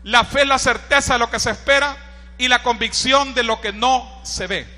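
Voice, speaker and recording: A man with a Honduran accent preaching a sermon, animated, shouting out quoted cries and often turning to the listeners with rhetorical questions. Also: very high voice, moderate pace, big-room sound. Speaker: pastor.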